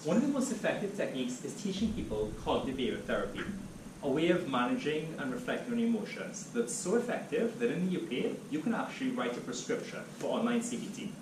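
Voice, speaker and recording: Captured by a distant microphone in an echoey lecture room with background noise, a Trinidadian guest speaker delivers a seminar talk, his medium-pitched voice quick, lively, and steady.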